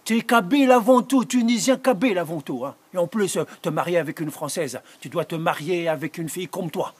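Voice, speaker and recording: A traditional old father, as a man plays him in a stage tale, sternly questions his son. The voice is husky and firm, rising on his demands. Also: on the high side, a little fast.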